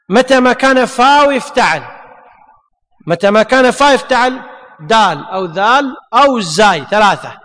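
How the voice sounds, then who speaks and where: A man's voice: extremely high pitch, pushed and bright. A man teaching a grammar lesson, repeating his points and asking and answering his own questions. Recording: long hall reverb.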